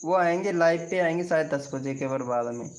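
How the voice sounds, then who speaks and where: A man's voice: fairly high pitch, moderate pace, slight background noise. A man hosting a casual live stream, chatting and teasing with his viewers.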